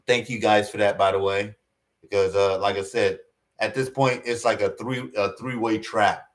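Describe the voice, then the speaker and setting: A man's voice: on the low side, steady tone, normal speed. A man giving casual online commentary, rambling, with many fillers and restarts.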